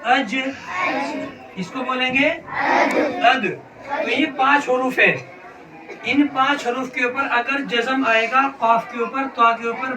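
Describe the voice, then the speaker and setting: In a noisy, echoey classroom picked up by a distant mic, a man with an extremely high-pitched voice teaches children to read the Quran. He patiently questions his pupils again and again, drilling letter sounds in a call-and-response lesson. Children's voices and room noise fill the background.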